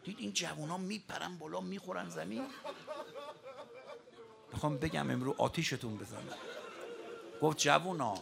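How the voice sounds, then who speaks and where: A man preaching a mourning sermon to a crowd, impassioned, moving between shouting and hushed speech. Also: on the high side, creaky, long pauses. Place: mosque hall with a mourning crowd. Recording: crowd noise behind the voice.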